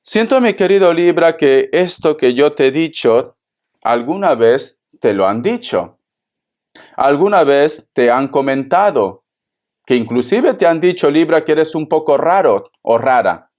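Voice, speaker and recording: A man's voice: fairly high pitch, very animated, measured pace, darkish tone. A man giving a casual tarot reading, speaking affectionately and calling the listener by endearments. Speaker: tarot reader.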